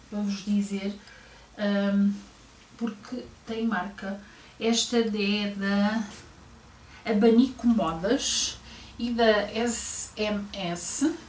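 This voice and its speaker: A middle-aged fashion vlogger with a European Portuguese accent and a mid-range voice talks slowly and chattily through a casual clothing haul, hesitating often, using many fillers and speaking asides to her viewers. A camera across her bedroom picks her up, so she sounds distant and roomy over a faint hiss.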